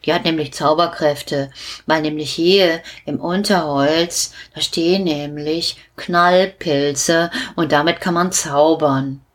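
A kindly, patient stranger from a children's story who has been enchanted far from home, as a woman reading aloud puts him on. He explains things calmly and good-naturedly, in a slightly lifted voice. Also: sits low, measured pace. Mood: patient, explaining.

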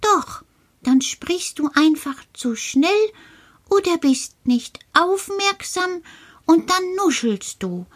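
A woman voicing a cheerful little male creature living in an earth cave, speaking slowly and patiently and often dropping to a whisper. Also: very high-pitched, lively intonation, exaggerated voice. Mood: patient coaching.

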